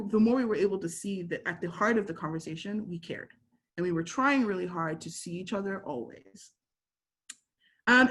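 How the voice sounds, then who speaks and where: A young woman talks with earnest reflection on a discussion panel, slipping in casual fillers as she goes. Her voice sits at an ordinary middle pitch. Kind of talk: panel talk on identity.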